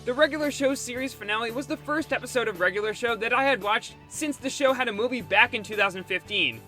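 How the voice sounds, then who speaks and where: A man with a very high, sharp-toned voice reads quickly from a script as host of a cartoon episode review. Music plays behind his narration.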